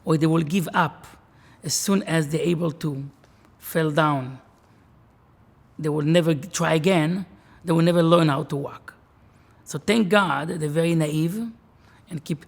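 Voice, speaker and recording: A man's voice: a little high, gravelly. A man, a rabbi talking earnestly and reflectively in an interview. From Israel. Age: 40s. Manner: earnest, measured, with restarts.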